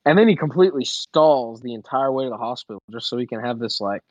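Young man, casual podcast chat, crude animated storyteller, dry close sound. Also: medium pitch, fast talker, no echo. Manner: crude, animated retelling with quoted voices. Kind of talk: casual film discussion.

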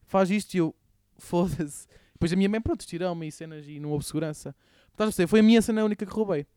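A man's voice: sits high, racing, mellow, smooth, no room sound, studio quality. A young man with a European Portuguese accent, co-hosting a podcast in casual, slangy, rambling chat. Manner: slangy, rambling, filler-heavy. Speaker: podcast co-host.

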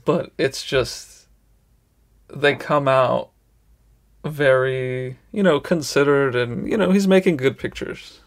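A man's voice: mid-range voice, takes it slowly. A man hosting an interview in casual chat, rambling with lots of "like" and "you know", often laughing. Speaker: podcast host.

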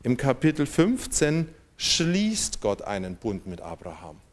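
A man's voice: mid-range voice, wildly swooping pitch, a little slow. A man preaching a sermon, reading scripture aloud with strong emphasis and calling on the congregation to respond.

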